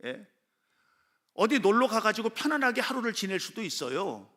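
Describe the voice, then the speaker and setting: A male pastor preaching a sermon in a church, speaking straight to the congregation and rising to shouts at his high points. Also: sing-song, normal speed. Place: church sanctuary with a gathered congregation.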